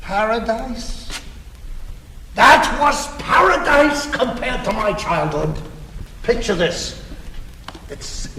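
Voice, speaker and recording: A man's voice: high-pitched, heavily acted. Show-off businessman who brags in lists, stage comedy, hall reverb, faint hum. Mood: dramatic. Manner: bragging, theatrical, piles up lists. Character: boastful, self-made businessman, competitive. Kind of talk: stage comedy cast recording. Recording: echoey theater with long reverb.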